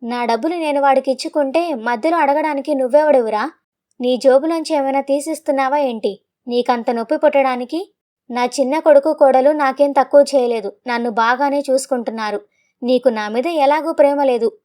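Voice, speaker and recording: Furious old father over seventy, proud and scolding, storybook tale, read by a woman, high voice. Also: fairly quick, natural voice. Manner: shouting, scolding.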